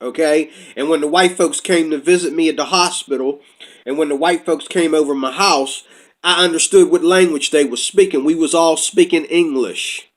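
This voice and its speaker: An American man with a fairly high voice gives a casual, rambling commentary on faith and identity at a moderate pace. Speaking from notes, he drifts off topic and puts on voices when quoting others.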